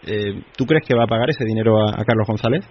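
Spanish radio host with a measured, hesitant delivery. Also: male voice, lowish voice, lo-fi sound, slight background noise. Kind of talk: radio sports interview.

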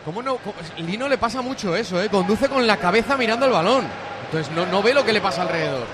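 High-pitched excitable male football commentator from Spain. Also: quick pace. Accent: Spanish, from Spain. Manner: excitable, repeats phrases, stretches out shouts. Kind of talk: live radio football commentary. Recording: loud stadium crowd noise behind.

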